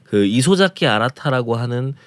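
Male radio food presenter, animated pitch, dry close sound, detailed storyteller. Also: moderate pace, dry recording. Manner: detailed, descriptive storytelling about restaurants. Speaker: food travel segment presenter. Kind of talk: casual radio talk show chat.

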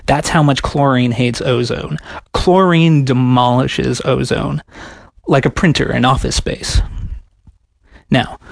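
A man delivering a scripted comedic science explainer with sarcastic, deadpan asides. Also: mid-range voice, vocal fry, no echo.

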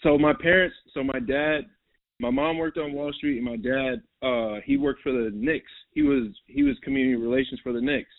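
A young basketball guest from New York chats in a laid-back interview, circling back over his points and filling them with "like" and "bro." His mid-range voice is expressive at a normal speed, heard dry with no echo through a tinny, phone-like line.

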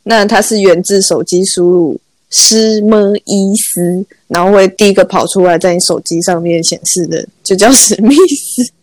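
A woman's voice: lowish voice, normal speed, few pauses, a little mellow, dry recording. A young woman co-hosting a casual chat, laughing constantly as she talks. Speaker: podcast co-host.

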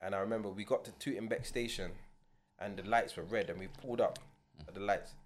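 A man's voice: fairly low pitch, fairly even intonation, quick pace, a little hiss or hum. London roadman telling it emphatically. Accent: London, urban street. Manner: emphatic street slang, roadman talk. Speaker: podcast co-host. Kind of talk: casual anecdotal chat.

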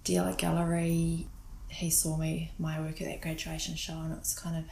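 A woman's voice: low-pitched, normal speed, creaky, roomy sound, low-quality recording. Nz woman chatting about her work, lots of ums, slight hum behind. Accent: New Zealand. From New Zealand. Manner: relaxed, hesitant with many ums and restarts. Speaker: guest photographer. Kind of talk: casual interview.

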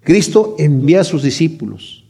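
Male pastor, higher-pitched, lively sermon delivery with dramatic drops to near-whisper. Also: normal speed, husky. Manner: animated preaching, shifting between loud and hushed; acts out quoted voices while retelling.

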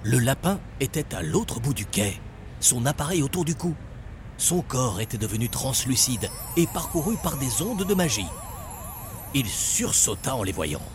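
A male storyteller reading an adventure with lively, swooping intonation. Music runs clearly underneath throughout the narration, and his pitch sits in a middle register. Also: normal speed. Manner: expressive storytelling. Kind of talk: scripted narration of a children's story.

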